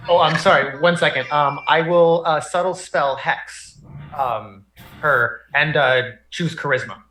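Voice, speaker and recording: A man's voice: fairly high pitch, pushed and bright. A man playing a tabletop roleplaying game, chatting casually and rather hesitantly. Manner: hesitant, halting. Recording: roomy echo, faint music behind.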